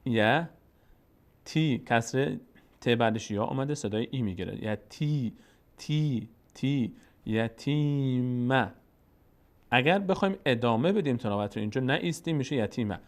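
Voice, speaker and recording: A man with an Afghan Dari accent gives a step-by-step Quran reading lesson. He speaks patiently and repeats each syllable slowly and drawn out, so learners can follow. His voice sits at a middle pitch. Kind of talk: slow step-by-step recitation lesson.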